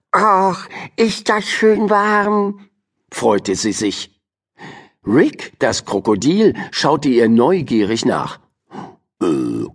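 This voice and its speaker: Male audiobook narrator for kids' fiction: expressive, unhurried, husky. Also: mid-range voice. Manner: expressive storyteller reading. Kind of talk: scripted narration of a children's audiobook.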